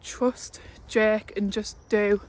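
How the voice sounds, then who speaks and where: This young fitness vlogger talks slowly to camera as she walks uphill, out of breath. Her voice sits mid-range with little pitch movement, and she's chatty, with laughs and fillers. She films on a phone held at arm's length.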